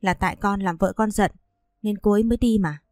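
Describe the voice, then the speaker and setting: A woman's voice: medium pitch, a little fast, a little mellow, no echo, clean studio sound, close to an everyday voice. A woman voicing an earnest young husband who pleads with his mother to defend his wife. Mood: pleading.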